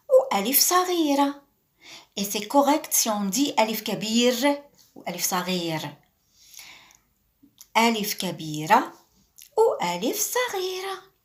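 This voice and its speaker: A woman teaching Arabic letter reading in a slow lesson, repeating sounds and switching between French and Arabic. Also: a little high, sing-song. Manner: slow, repetitive, enunciating each sound.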